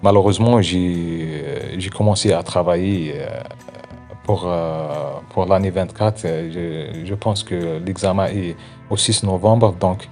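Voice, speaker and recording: Low-voiced man teaching haltingly. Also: a little mellow, faint music behind. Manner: halting, repeats words while searching for phrasing. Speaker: online exam-prep teacher. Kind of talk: informal instructional talk.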